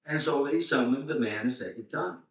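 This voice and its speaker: An older man, a seminary professor, slowly reading and explaining scripture to a class. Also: medium pitch. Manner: slow, deliberate, pauses to explain Greek words. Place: church hall. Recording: roomy church hall, mic far off.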